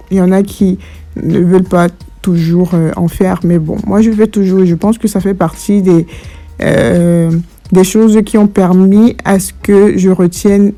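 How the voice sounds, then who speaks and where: Mellow-voiced woman chatting through a hair tutorial. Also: on the low side. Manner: informal, addresses viewers directly. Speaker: hair care vlogger. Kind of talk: casual chatty tutorial narration. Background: faint background music.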